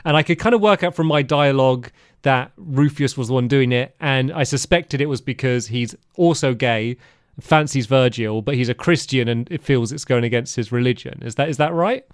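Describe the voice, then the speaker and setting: A man co-hosting a podcast, chatting casually about a game in rambling, animated stories full of fillers. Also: mid-range voice, normal speed, clear, resonant tone, dry recording, clean studio sound. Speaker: podcast co-host.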